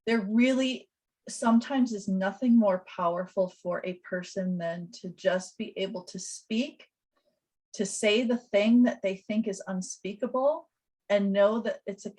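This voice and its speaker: A woman who works as a death doula, giving a gentle, reflective webinar presentation over a video call. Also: medium pitch, measured pace, poor audio.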